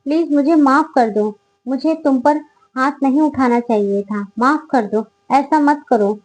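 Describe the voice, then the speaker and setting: A woman voicing a quiet but firm young female college student in a read-aloud story. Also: high-pitched, a little slow, rough recording. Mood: begging. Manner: firm and indignant.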